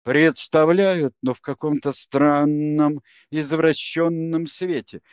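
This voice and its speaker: A self-important official who blusters and keeps pushing his voice louder, as a male narrator acts him out in an audiobook. The voice underneath stays fairly low and sounds dry and close. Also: very animated, unhurried, no room sound. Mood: pompous. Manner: pompous, rising to a shout. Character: pompous, blustering male official with armed men.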